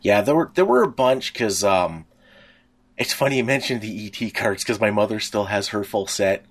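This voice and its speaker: This podcast co-host is a middle-aged man whose voice sits on the low side and moves at a moderate pace. His talk is relaxed reminiscing, rambling and anecdotal, and he clearly likes to talk.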